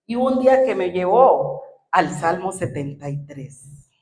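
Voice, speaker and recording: A woman's voice: fairly low pitch, lively intonation, unhurried, a little mellow. Woman preaching in a roomy church. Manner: emotional, re-enacts her own past words. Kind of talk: sermon. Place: church hall.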